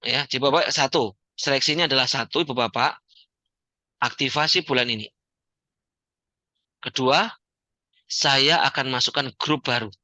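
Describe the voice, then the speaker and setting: A man giving a joking, animated motivational talk to an audience as the founder of a community. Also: medium pitch, moderate pace, pauses often, no echo. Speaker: founder and coach of a debt-free community.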